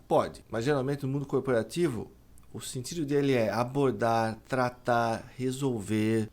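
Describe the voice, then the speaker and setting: Lively Brazilian man teaching English sounds. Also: mid-range voice. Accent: Brazilian Portuguese. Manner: explains slowly, drawing out words to model pronunciation. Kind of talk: pronunciation lesson.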